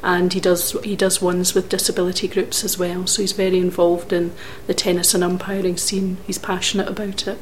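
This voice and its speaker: Middle-aged Scottish woman, interviewee, low even voice, measured and thoughtful. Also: slight background noise. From Scotland. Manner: measured, thoughtful recollection with occasional hesitations. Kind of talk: life-story interview.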